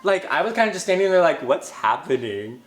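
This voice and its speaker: A young man tells a beach story to his siblings, getting excited and acting out what everyone said. His voice sits a bit high and swings widely, and the room is echoey. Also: brisk. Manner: excited storytelling with acted-out quotes. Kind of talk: casual family chat.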